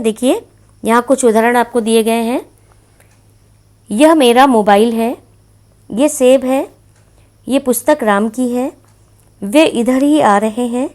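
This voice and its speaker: Woman teacher, fairly high voice, patient classroom explaining, many examples. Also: slow pace, pauses often, a little mellow. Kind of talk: classroom-style grammar lesson.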